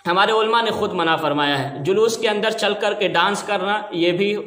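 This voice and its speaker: A man's voice: sits high, a bit bright. A man preaching an emphatic, argumentative religious lecture. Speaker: Islamic preacher. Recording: echoey room with long reverb.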